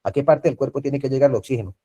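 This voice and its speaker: Man, Colombian Spanish accent, first aid instructor, mellow voice, video call class, repeats points and checks in. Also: mid-range voice, racing. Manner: repetitive, checks in with frequent tag questions. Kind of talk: online class lecture.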